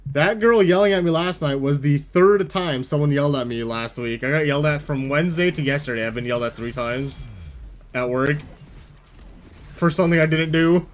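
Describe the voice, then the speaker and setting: A man's voice: a little high, normal speed. A man telling a casual story, rambling, packing his speech with "like" and swearing freely. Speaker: VTuber telling a work story.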